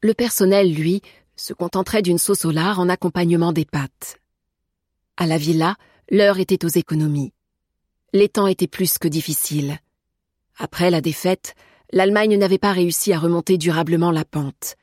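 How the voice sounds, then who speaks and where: A woman with a somewhat low, husky voice reads a novel aloud in a measured, even way. The recording is dry and close with no room sound. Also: dry recording. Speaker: audiobook narrator. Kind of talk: scripted narration.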